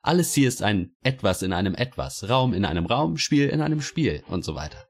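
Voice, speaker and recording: A man's voice: mid-range voice, very animated, fairly quick, breathy edge, pitched above the performer's own voice. A man voicing a touchy, pompous old male official in a spoken story.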